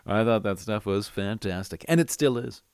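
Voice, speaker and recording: A chatty middle-aged man hosts a podcast, his lowish, clear, resonant voice moving at normal speed. Animated and amused with himself, he tells stories and rants solo, laughing through them. The sound is close and dry, with soft music in the background.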